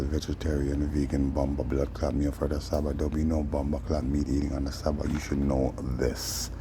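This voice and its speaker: A man speaking in Rastafarian patois, rambling casually in a drawn-out, preachy way with frequent tag phrases. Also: a bass voice, creaky, background noise. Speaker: host. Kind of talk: casual rambling vlog monologue in Rastafarian speech.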